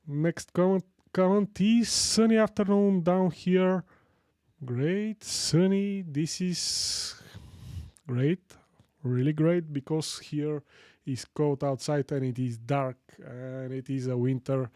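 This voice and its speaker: Hosting a casual live tech tutorial, a man from Sofia speaks with a Bulgarian accent, chatting with viewers haltingly and repeating phrases for emphasis. His voice is fairly high and a little mellow, captured as clean, echo-free studio sound.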